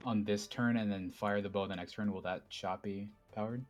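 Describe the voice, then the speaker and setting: A man playing in a tabletop role-playing game, swearing freely and thinking through his moves out loud. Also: lowish voice, steady tone, moderate pace, faint music behind. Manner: blunt and profane, thinking aloud. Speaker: player. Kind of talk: casual tabletop game play.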